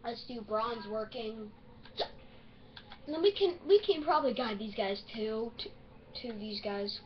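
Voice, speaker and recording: A woman with the hiccups giving rambling, excitable let's-play commentary on a strategy game. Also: a little high, measured pace, highs cut off, slight background noise. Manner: chatty, easily excited, rambling. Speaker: gaming video host.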